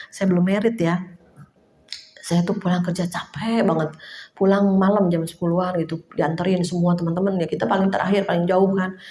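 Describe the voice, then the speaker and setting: A woman's voice: medium pitch, a little mellow. A woman preaching a sermon at a prayer fellowship in a chatty, informal way, often stopping to hunt for words and calling her listeners brothers and sisters. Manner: conversational, addresses listeners as brothers and sisters, many fillers. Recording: roomy echo.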